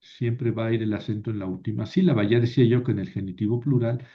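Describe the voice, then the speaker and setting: A man's voice: lowish voice, steady tone. A man teaching a Biblical Greek class, explaining patiently and often checking with his students. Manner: slow, patient explaining with frequent "¿verdad?" checks. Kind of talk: classroom lecture. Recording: dull lo-fi classroom recording.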